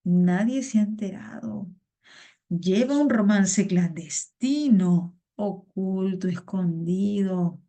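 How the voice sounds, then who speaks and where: A woman's voice: medium pitch, warm tone. A woman teaching a vocabulary class over a video call, patient and repeating words. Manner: patient, repeats words and greets students by name.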